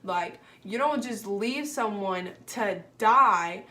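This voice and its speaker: A young woman telling a personal story on her vlog in an animated, exasperated way, full of fillers. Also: medium pitch, slow, a little hiss or hum. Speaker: vlogger.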